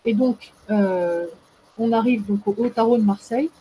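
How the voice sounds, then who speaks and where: Mellow-voiced woman explaining with many hesitations. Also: fairly high pitch, moderate pace, a little hiss or hum, rough recording. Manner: hesitant, many fillers and restarts. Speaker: guest expert. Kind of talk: casual explanatory talk.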